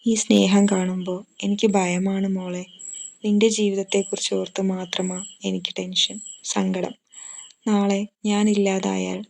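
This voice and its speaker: A woman's voice: mid-range voice, little pitch movement, a little slow, creaky, a little mellow, a little hiss or hum. Woman voicing a frail ailing father. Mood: tender, sad. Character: frail ailing older father, tender and resigned.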